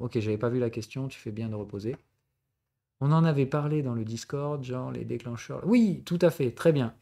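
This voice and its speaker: A middle-pitched man from southern France runs a live-streamed trading lesson, fielding chat questions as they arrive. As the instructor and stream host, he explains in a relaxed, conversational tutoring style, switching between formal and familiar address and pausing often to make sure viewers are keeping up.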